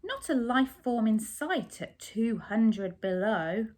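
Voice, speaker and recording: A woman reads a picture book to young kids in a slow, sing-song way, her voice on the higher side yet dark in tone. She animates the story and puts simple questions and explanations to them.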